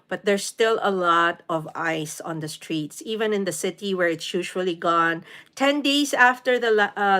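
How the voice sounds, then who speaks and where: A woman in her forties from the Philippines hosts a casual live stream from her home in New York City, chatting with viewers, greeting them by name, and using many fillers. Her voice is medium-pitched with a fairly bright tone.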